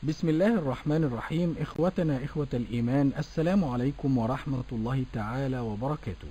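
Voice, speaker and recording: A man's voice: mid-range voice, fast, mellow, husky. A man hosting a Quran recitation program, speaking formally and repeating words after his guest. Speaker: radio program host. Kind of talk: formal broadcast presenting.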